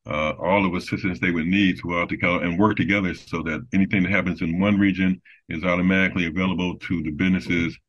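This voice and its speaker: Deep-voiced man, halting interview guest. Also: fairly bright tone. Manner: halting, many restarts and fillers. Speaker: business development guest. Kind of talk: casual interview talk. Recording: dull lo-fi sound.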